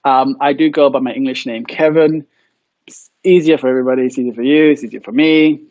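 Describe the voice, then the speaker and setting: Man from South Africa, university lecturer, relaxed, friendly, lots of ums, dry close sound, a little muffled. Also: medium pitch, fast, no room sound. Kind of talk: recorded course introduction.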